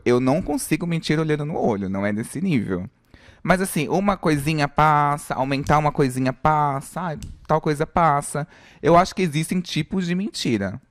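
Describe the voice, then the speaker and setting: A man's voice: fairly high pitch, no echo. A Brazilian man talking loosely on a podcast, joking around in a casual way. The sound is dry and close, with no room around his voice. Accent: Brazilian Portuguese. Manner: loose and joking, with frequent fillers.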